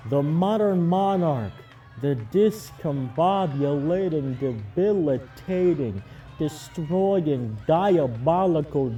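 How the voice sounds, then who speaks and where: A pompous male wrestling villain king, played by a man, speaking slowly and grandly in a dark, mellow tone. He sounds off-mic, with a noisy crowd around his theatrical promo. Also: a little high, distant mic, exaggerated voice. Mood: grand, boastful. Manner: pompous, grandiose, deliberate pauses.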